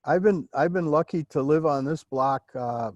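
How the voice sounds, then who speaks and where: A man's voice: fairly high pitch, normal speed, no room sound, muffled recording. Easygoing older man, dry sound. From Midwestern United States. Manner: easygoing and chatty. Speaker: conference participant. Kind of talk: friendly casual chat.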